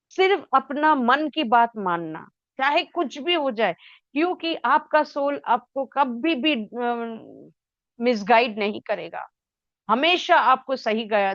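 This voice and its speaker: A woman's voice: a little high, dry recording, highs cut off. A woman giving an unscripted talk on spiritual healing, mixing English phrases into Hindi and repeating words for emphasis.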